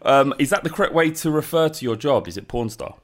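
A man hosting a podcast, asking questions in a hesitant, halting way. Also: mid-range voice, expressive. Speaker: podcast host. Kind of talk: interviewing a guest.

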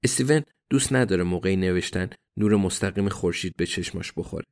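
Low-voiced male audiobook narrator. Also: darkish tone.

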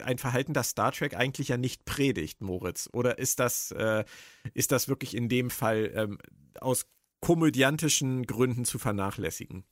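A man's voice: mid-range voice, dry recording. Dry-sounding man posing questions. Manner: probing, poses questions to co-hosts. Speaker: podcast host. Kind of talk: casual discussion.

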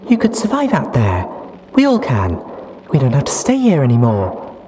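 A naive, giggly young pony mare who gushes loudly and happily, her voice pitched well up and swooping, as a man puts her on. She talks like a storybook sweetheart with no guard up at all. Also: huge pitch swings, moderate pace, background noise. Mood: gushing. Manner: gushing and loud.

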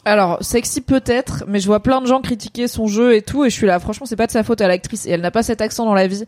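A woman's voice: on the high side, darkish tone, dry recording. Chatty woman, dry close sound. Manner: chatty, quick digressions, many fillers. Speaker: co-host of a series debrief stream. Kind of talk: casual chat.

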